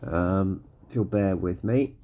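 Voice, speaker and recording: A British man with a croaky, congested voice, sounding under the weather as he gives a halting, casual unboxing review. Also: low-pitched, mellow, a little hiss or hum. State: ill with a cold or hay fever, coughing. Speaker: scale model kit reviewer.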